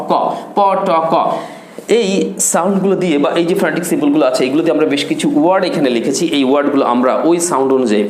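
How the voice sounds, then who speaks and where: Man teaching English pronunciation. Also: on the high side. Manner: drills words by repeating them, asks students to repeat. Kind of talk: online spoken English lesson. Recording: echoey room with faint noise.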